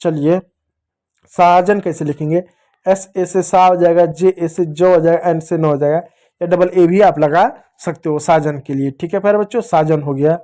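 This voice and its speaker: A man's voice: a little high, steady tone, normal speed, mellow. A man teaching young children step by step, patiently repeating each point and asking questions that he answers himself. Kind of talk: classroom lesson for young children.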